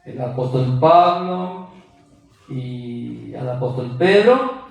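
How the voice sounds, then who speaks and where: A man's voice: mid-range voice, lively intonation, slow pace, vocal fry, recorded from a distance. A man preaching a sermon with emphasis, quizzing his listeners with rhetorical questions. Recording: very echoey room, voice from afar.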